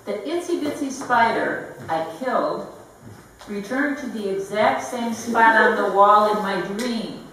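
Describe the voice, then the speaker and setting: Slow, distant woman reading poetry. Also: mid-range voice, fairly bright tone. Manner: slow, deliberate delivery with light laughs between lines. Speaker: poet. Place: gallery event room. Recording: very echoey room, voice heard from afar with faint background hiss.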